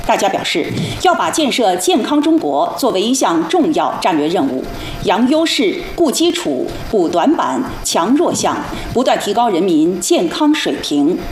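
A female formal news anchor reads scripted news in standard mainland Mandarin. Her voice sits at a middle pitch with lively intonation. The sound is slightly roomy. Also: moderate pace, few pauses. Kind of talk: scripted national newscast.

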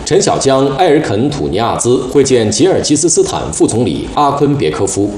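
A man's voice: mid-range voice, big pitch swings, a little fast, darkish tone. A man presenting the news as a formal anchor in standard mainland Mandarin, reading a script in a television studio. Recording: roomy studio echo, faint noise.

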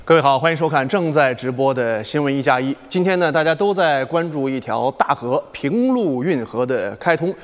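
A man's voice: mid-range voice, animated, normal speed, few pauses, long reverb tail. A man presenting live as a formal news anchor, explaining point by point. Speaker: news programme host. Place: live television studio.

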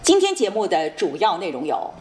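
A woman with a standard mainland Mandarin accent reading scripted news headlines as an anchor, formal and measured. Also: lowish voice, huge pitch swings, a little mellow. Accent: standard mainland Chinese Mandarin.

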